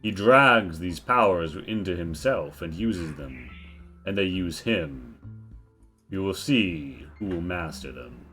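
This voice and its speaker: A man performs an ancient talking tree, a solemn guardian spirit of the land in a tabletop role-play. The low voice speaks slowly and gravely in stately, archaic phrases, with faint music underneath. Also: lively intonation, bright, forceful tone, exaggerated voice. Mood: grave, knowing.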